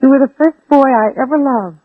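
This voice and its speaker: In a 1960s radio drama, an actress plays a brave, protective mother pleading earnestly and persuasively with an armed man, her tone tender. Her high, fairly quick voice sounds husky and dry through an old, band-limited, phone-quality recording.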